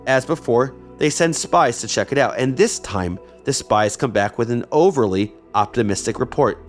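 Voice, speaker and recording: A man narrates a history podcast from a script and slips in wry, chatty asides. His voice sits at an ordinary middle pitch. Faint music plays behind him. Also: lively intonation, normal speed. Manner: wry, conversational. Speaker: podcast host.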